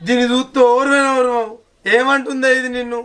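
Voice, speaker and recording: Lazy young village son, played by a man in a Telangana Telugu accent, with a raised, bright, edgy tone. He answers offhandedly and dodges chores. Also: extremely high pitch, level tone, fast, clear, resonant tone. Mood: dismissive. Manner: offhand, dismissive. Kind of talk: village short-film acting.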